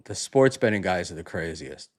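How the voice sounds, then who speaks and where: A man's voice: low voice, expressive. A man hosting a casual talk show, chatting loosely, with many fillers and false starts. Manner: rambling, halting, many fillers and restarts. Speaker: podcast host. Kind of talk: casual chat.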